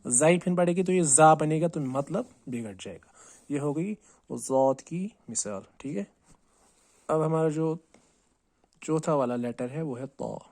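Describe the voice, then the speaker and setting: A man teaching Quran recitation. He asks and answers his own questions and repeats words slowly, drawing out each sound to show how to say it. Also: on the high side, a little mellow, no echo. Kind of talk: tajweed lesson on letter pronunciation.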